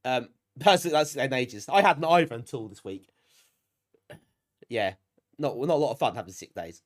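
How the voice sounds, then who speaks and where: Congested from a cold he's nearly over, a British man hosts a retro gaming live stream in a mid-range, animated voice at a moderate pace. His chat with viewers is casual, self-deprecating and appreciative.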